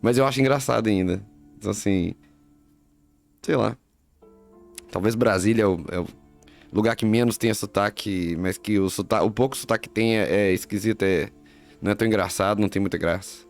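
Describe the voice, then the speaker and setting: A man's voice: on the low side, a little fast, gravelly, long pauses. A man with a Minas Gerais accent, chatting casually and slangily while streaming a game. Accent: Minas Gerais Brazilian Portuguese. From Minas Gerais, Brazil. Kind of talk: casual gameplay commentary. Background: faint game music.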